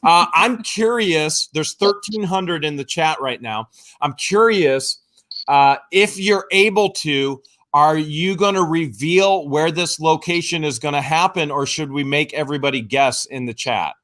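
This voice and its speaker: A playful man co-hosting a casual live stream, his voice bright and forceful and sitting a little high for a man. He jokes freely and reads out viewer guesses with easy banter. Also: measured pace.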